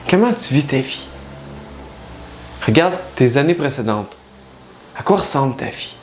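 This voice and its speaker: A man gives a casual spiritual-coaching talk, speaking straight to the listener. His pitch sits in an everyday middle range. He keeps asking rhetorical questions as he explains. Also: sing-song, unhurried, a little hiss or hum. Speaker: life coach and spiritual guide. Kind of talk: casual direct-to-camera monologue.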